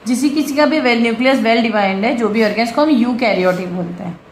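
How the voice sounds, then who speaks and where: A woman's voice: a little high, fairly quick. Woman teaching biology in an echoey room. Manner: explains step by step, often checks with "ठीक है"; has students repeat terms after her. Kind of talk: bilingual classroom lecture. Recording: echoey room with faint background noise.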